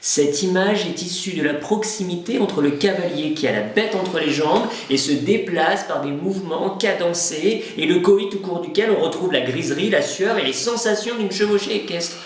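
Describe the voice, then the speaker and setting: In a conversational comedy sketch, a man in his thirties plays a fussy dad, indignant and emphatic. His voice is high-pitched, and he talks at a normal pace with few pauses. The room is very echoey, with faint noise.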